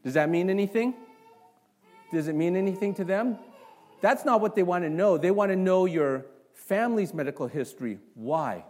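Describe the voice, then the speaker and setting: Opening his sermon with a soft prayer, this pastor from Canada goes on to ask the congregation a steady run of rhetorical questions with real animation. He speaks at a normal speed in a high-sitting voice.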